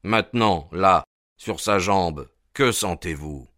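A man voicing a cool, sharp-minded detective who speaks calmly and precisely with dry irony. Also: sits low, slow, no echo, voice pushed down, exaggerated voice. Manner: calm, precise, dryly ironic.

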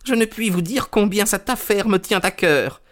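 A man's voice: high voice, animated, normal speed, fairly bright tone, voice pushed up. A man voicing a small, weaselly man who whines with a trembling voice. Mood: anxious. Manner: whining, trembling.

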